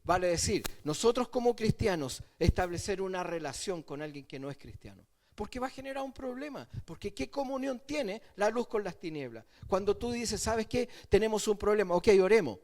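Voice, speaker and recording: A man's voice: high voice, sing-song, moderate pace, few pauses, darkish tone. A male pastor, preaching a sermon in a conversational way and often checking that the congregation follows.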